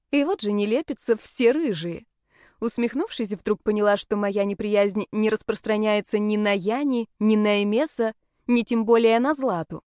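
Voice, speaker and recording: A woman's voice: mid-range voice, a little mellow, no echo, studio quality. A woman narrating a first-person audiobook in a wry, sardonic tone.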